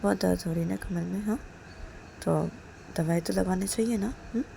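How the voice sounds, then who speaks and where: A woman's voice: lowish voice, moderate pace, creaky, mellow, slight background noise. A woman voicing a caring young woman who pleads and coaxes her partner over and over. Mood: pleading coaxing. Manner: pleading, coaxing, repeating "please".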